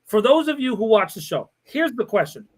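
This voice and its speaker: A man hosting a podcast, ranting in a sarcastic, animated way with frequent laughter. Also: sits high, normal speed. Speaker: podcast host. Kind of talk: casual podcast chat.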